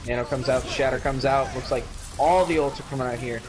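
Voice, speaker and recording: A man casting an esports match play-by-play, relaxed and a little tired. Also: mid-range voice, brisk. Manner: relaxed, tired, yawning between calls. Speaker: esports caster. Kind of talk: play-by-play commentary. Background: music.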